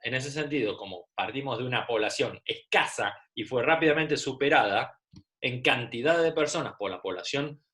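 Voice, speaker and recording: Teaching an online class over a video call, a middle-aged man speaks with a Rioplatense Spanish accent from Argentina. His voice is medium-pitched and fairly bright with lively intonation at a normal speed, and his chatty lecture is packed with rhetorical questions.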